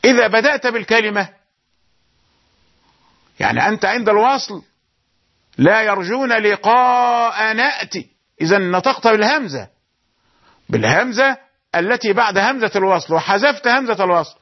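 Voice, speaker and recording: Man, high voice, recitation teacher, explains then chants verses slowly, dull lo-fi sound. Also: expressive. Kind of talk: tajweed lesson with chanted verses.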